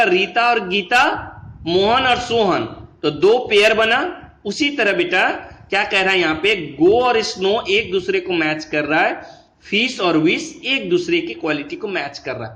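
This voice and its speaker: Male teacher, patient classroom explanation, mixes two languages, slow deliberate delivery, high bright voice. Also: reverberant. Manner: explains patiently, mixing Hindi and English, calls students "beta"; slows down and stretches words when reading English lines.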